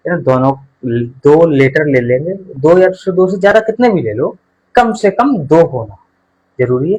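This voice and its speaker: A man's voice: a little high, husky, poor audio. A male teacher giving a live online grammar class, asking questions and answering them himself while addressing his pupils fondly.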